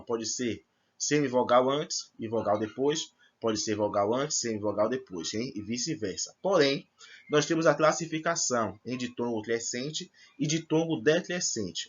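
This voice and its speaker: In a recorded remote class, a man teaches grammar to first-year students, explaining step by step and checking in with them. His mid-range voice is husky, and the sound is lo-fi.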